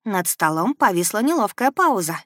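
A first-person audiobook is read by a woman whose mid-range voice keeps a steady, measured storytelling pace. The recording is dry and of studio quality.

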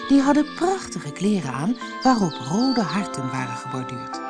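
Expressive woman reading a fairy tale. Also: on the low side, moderate pace, over music. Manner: expressive storytelling. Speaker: audiobook reader. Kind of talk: fairy-tale read-aloud narration.

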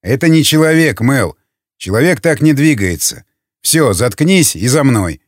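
A man voicing a gruff older male raider with a dry, mocking manner and curt commands. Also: medium pitch, expressive, unhurried, dry recording. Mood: tense.

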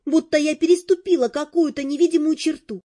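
A woman narrating a fantasy audiobook in first person, with an expressive reading. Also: high voice, a little fast.

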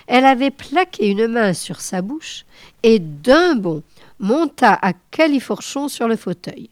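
A woman reading a novel aloud in a measured, unhurried way. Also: fairly high pitch, sing-song, no room sound. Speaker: reader.

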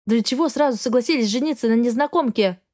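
A woman's voice: on the high side, fast, warm tone, lightly acted. A woman voicing a defiant young bride forced into marriage, stubborn and protesting.

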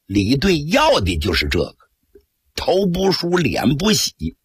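A male radio storyteller with a very husky, rough voice that swings lively up and down as he spins a traditional tale. He acts out the characters between stretches of narration. The sound is dry and close, with no room around it. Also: on the high side, slow, dry recording.

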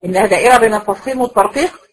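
A woman's voice: medium pitch, racing, slightly rough, poor audio. A woman with an Egyptian accent teaching Quran recitation, explaining patiently, repeating her points and asking the class checking questions. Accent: Egyptian Arabic. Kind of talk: classroom lecture.

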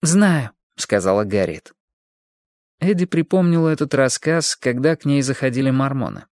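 A man narrating an audiobook in a lively, expressive reading. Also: mid-range voice, normal speed, no echo, studio quality.

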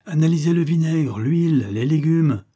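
A distraught young widow from a storybook pleads and cries out in high, strained bursts, as a male narrator puts her on. The voice stays mellow and husky underneath, even at its loudest. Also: normal speed. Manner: shrill, pleading theatrical outbursts. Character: frantic grieving young widow, woman. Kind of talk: audiobook character voice.

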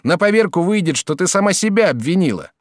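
A man's voice: high voice, big pitch swings, fast talker, dry recording, clean studio sound, voice pushed up. A man voicing a brash, scheming young man who talks in a pushy, impatient way. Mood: eager.

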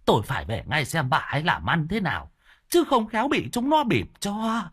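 A man's voice: a little high, wildly swooping pitch, a bit bright, husky, pitched above the performer's own voice, heavily acted. A man doing a deaf, quavering old grandpa. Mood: panicked. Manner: slow, quavering, confused.

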